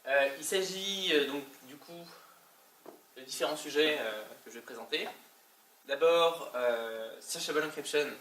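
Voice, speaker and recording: A man's voice: a little high, unhurried, fairly bright tone. A man with a French accent giving an informal technical talk in a colloquial, hesitant way, pronouncing English terms with a French accent. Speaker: conference speaker. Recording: echoey distant mic, faint noise.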